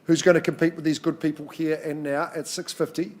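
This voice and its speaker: Male auctioneer, slightly high pitch, live in-room property sale, clipped number calls broken up by chatty asides. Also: little pitch movement, fairly quick.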